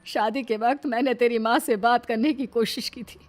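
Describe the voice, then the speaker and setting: A woman's voice: on the high side, fairly even intonation, moderate pace, faint music behind, voice pushed up, close to an everyday voice. A woman voicing a kind, long-suffering older mother-in-law giving earnest advice in a cartoon story. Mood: sad, caring.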